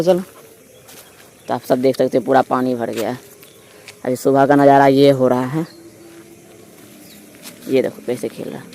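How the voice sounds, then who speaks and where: A young man narrates his day in a relaxed, chatty vlog voice at an everyday pitch. He calls his dog with strings of repeated words. Faint background noise runs under the phone recording. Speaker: vlogger. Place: outdoors on wet streets and at home.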